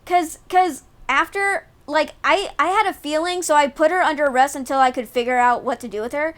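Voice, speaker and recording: High-voiced, profane woman streamer. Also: a little fast, a bit bright. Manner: profane, exasperated. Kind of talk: casual live gameplay commentary.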